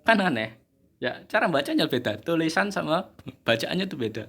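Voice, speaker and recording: A man's voice: on the high side, sing-song, normal speed, a bit bright. Chatty man teaching English basics. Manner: chatty, joking, laughs at himself. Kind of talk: casual video lesson.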